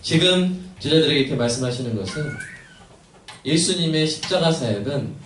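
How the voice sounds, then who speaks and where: A man's voice: a little high, animated, normal speed, a bit bright. A man who is a senior pastor, giving a conversational Sunday sermon and prayer in a church sanctuary and often putting questions to the congregation. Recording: echoey hall, mic at a distance, faint hiss.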